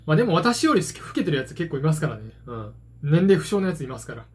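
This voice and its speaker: Casual solo vlogger, man in his 40s, husky and slightly high-voiced, self-deprecating ramble. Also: very animated, quick pace. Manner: self-deprecating, hesitant asides. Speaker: vlogger, card game hobbyist. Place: small dim room at home, indoors. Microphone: phone propped at arm's length.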